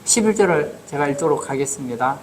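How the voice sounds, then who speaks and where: A man's voice: fairly high pitch, expressive, fast talker, slight background noise. A man preaching a sermon as pastor in a church, asking the congregation rhetorical questions.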